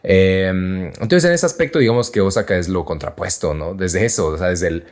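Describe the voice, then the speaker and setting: Deep-voiced mexican guy rambling on his podcast, lots of um and este. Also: moderate pace, darkish tone. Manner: slangy, rambling, many fillers and restarts. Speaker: podcast host. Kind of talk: casual explanatory chat.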